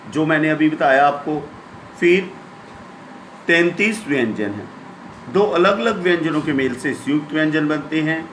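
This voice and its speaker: A man teaching a grammar lesson, spelling out letters and sounds one by one in a deliberate way. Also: a little high, a bit bright, roomy sound, a little hiss or hum, low-quality recording. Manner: slow, deliberate, drawn-out sounds.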